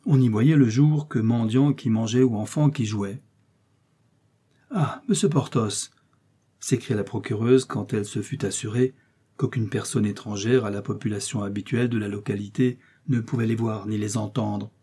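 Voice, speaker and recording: A man narrating a classic novel in a measured, even storytelling manner. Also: lowish voice, husky. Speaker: audiobook reader.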